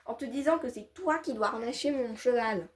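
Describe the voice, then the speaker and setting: A woman's voice: a little high, moderate pace, close to an everyday voice. A woman voicing a sulky, lazy stable boy who whines and argues back. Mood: whiny. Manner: whining, argumentative.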